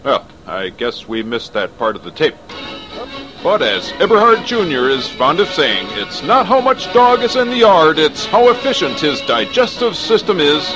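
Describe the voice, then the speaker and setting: A man's voice: fairly high pitch, sing-song, normal speed, over music, rough recording. A man giving an earnest, mock-serious sports news report as announcer.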